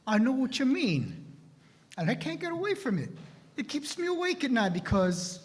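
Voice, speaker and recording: A man's voice: extremely high pitch, big pitch swings, normal speed. A man playing an earnest villager who reads the new star as an omen, in a church skit, with a musing, thoughtful manner. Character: sleepless superstitious villager, sees omens. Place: church sanctuary. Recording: long church-hall reverb.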